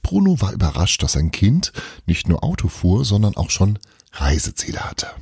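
A man narrating a Christmas audiobook chapter in a lively, playful storytelling manner. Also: sits low, moderate pace, vocal fry, slightly rough, no room sound, studio quality.

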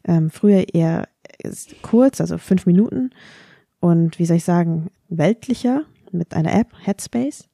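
Her voice is on the low side, gravelly and warm, animated yet unhurried, recorded at studio quality without echo. Raised speaking Vietnamese, she opens up about her feelings in a reflective podcast talk, candid, thoughtful and wryly self-mocking.

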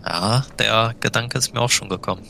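A man's voice: lowish voice, normal speed, gravelly, bright, forceful tone. A man playing casually in a tabletop role-play, with noise behind him.

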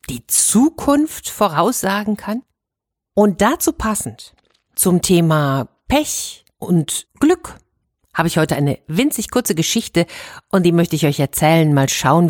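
Expressive woman telling children a story. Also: fairly low pitch, no room sound, studio quality. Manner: addresses listeners directly, expressive and lively. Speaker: host of a children's storytelling show.

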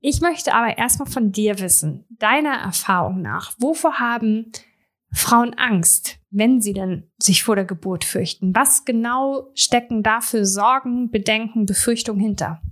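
A woman's voice: fairly high pitch, a little slow. A woman in her thirties hosting a podcast interview, chatty and addressing her listeners directly. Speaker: podcast host.

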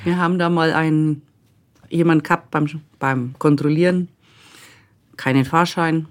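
A woman's voice: low voice, steady tone, moderate pace. A middle-aged woman tells stories from her job in a podcast interview. She is blunt and matter-of-fact, and she acts out the dialogue as she goes. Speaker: transit service staff member. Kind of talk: telling anecdotes in a podcast interview.

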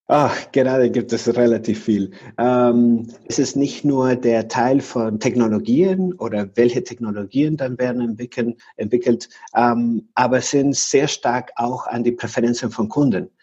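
Man from Venezuela, husky voice, dull lo-fi sound, halting with fillers. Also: mid-range voice, mellow. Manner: searching for words, many fillers and restarts. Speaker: futurist guest. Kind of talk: podcast interview.

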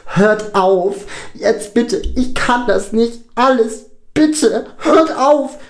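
A man voicing a panicking teenage boy who screams and pleads in a high, breaking voice. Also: expressive, extremely slow, echoey room, full character voice. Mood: panicked pleading.

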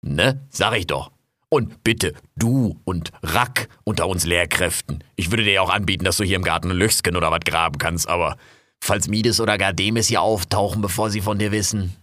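Brash cursing male raccoon voiced by a man, very low and forceful, excitable audio-drama role. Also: normal speed, no echo, clean studio sound. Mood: evasive. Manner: loud, cursing, jumpy and excitable. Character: brash, foul-mouthed male raccoon garden worker.

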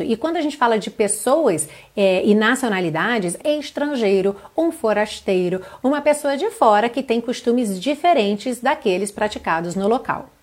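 In an online English class, a woman from Brazil carefully reads lyrics at a slow pace, then gives their translation. She speaks on the higher side.

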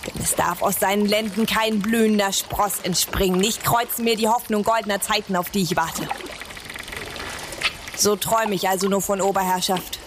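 A woman's voice: medium pitch, steady tone, moderate pace, natural voice. A woman playing a bitter, ambitious, misshapen young nobleman in theatrical classical verse. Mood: bitter, brooding. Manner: theatrical, scheming, brooding. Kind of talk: classical stage verse acting. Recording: clearly noisy ambient background.

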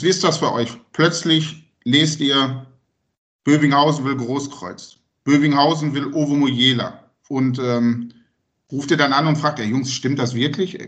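A man's voice: medium pitch, fairly bright tone. A man hosting a podcast, asking casual questions with a joking, teasing edge. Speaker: podcast host.

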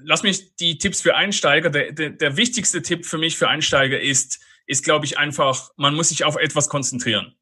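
A man's voice: on the high side, fairly even intonation, normal speed, hardly any pauses, sharp tone, breathy edge. A Swiss man with a Swiss German accent, a guest in a casual podcast interview, chatty and full of fillers and laughs. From Switzerland. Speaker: guest, online marketer.

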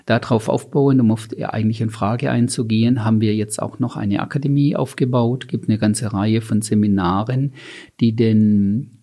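A middle-aged man, a company founder, giving measured, deliberate interview answers that he sets out in lists. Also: lowish voice, steady tone, mellow. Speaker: company founder and guest expert.

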